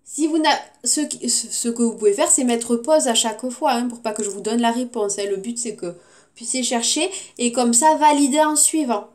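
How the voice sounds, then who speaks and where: A woman teacher with a French accent giving a recorded phonics lesson to young children, saying words slowly and clearly syllable by syllable and encouraging them gently, with some hesitations. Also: fairly high pitch. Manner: slow, clearly articulated, repeating words syllable by syllable.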